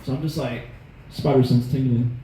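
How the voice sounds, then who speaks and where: A man in his thirties doing stand-up, telling stories in an animated, profane, self-mocking way. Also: mid-range voice, normal speed. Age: 30s. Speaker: stand-up comedian. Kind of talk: stand-up storytelling. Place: comedy club stage. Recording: echoey room, faint noise.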